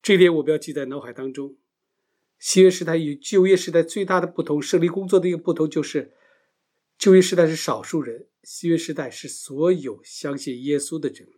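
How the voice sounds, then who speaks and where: A man teaches a Bible lesson in a voice pitched a little above the usual male range. He lays out his points step by step, often posing a question and then answering it. His loudness rises and falls as he moves nearer to the mic and away from it. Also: fairly quick.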